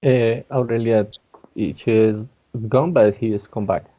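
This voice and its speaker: A man's voice: fairly low pitch, fairly even intonation, no room sound. Man on a dull, lo-fi call line. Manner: halting, simple English. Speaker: student. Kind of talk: online class chat. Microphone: computer or phone on a video call. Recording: dull, dry lo-fi call audio.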